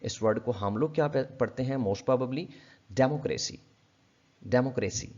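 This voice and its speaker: A man giving a casual pronunciation lesson, repeating each word slowly and addressing viewers politely. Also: medium pitch, darkish tone. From Pakistan. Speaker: English pronunciation teacher. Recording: dull lo-fi audio.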